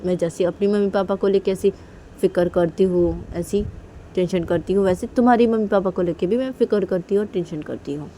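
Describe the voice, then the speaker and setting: A woman voicing a calm, reassuring young woman who speaks in a soothing, coaxing way. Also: mid-range voice, fairly quick, slight background noise, close to an everyday voice. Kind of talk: storytelling with acted dialogue.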